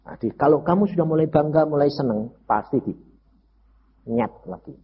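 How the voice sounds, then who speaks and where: An older man preaching a sermon through personal testimony, acting out dialogue and swinging between loud high outbursts and low quiet lines. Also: lively intonation, normal speed, slightly rough. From Central Java, Indonesia. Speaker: evangelist preacher. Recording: dull lo-fi sermon recording with faint noise.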